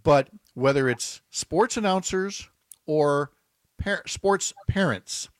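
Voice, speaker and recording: A man's voice: fairly high pitch, expressive, slow pace, no room sound, clean studio sound. A man hosting a morning radio talk show, chatting casually and jokingly with many fillers and restarts.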